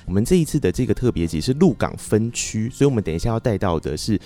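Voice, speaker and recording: Low-voiced Taiwanese man hosting chat. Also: big pitch swings, quick pace, warm tone. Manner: upbeat and chatty, switching into Taiwanese Hokkien. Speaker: podcast host. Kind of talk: casual chat. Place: old-house café.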